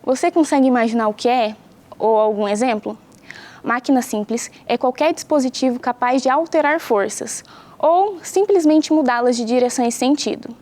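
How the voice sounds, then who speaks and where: A young woman from Brazil teaches a school science class to pupils at home, explaining each point clearly and patiently and often asking the children questions. Her voice sits high and light yet has a darkish tone, at normal speed.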